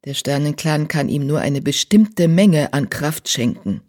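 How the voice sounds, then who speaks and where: A man's voice: a little high, expressive, a little slow, a little mellow. A man voicing a solemn, uneasy healer cat. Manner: solemn proclaiming.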